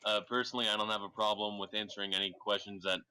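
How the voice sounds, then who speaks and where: Very bright, low-pitched man. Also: fairly even intonation, quick pace, clear, resonant tone, no echo. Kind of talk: casual group voice chat.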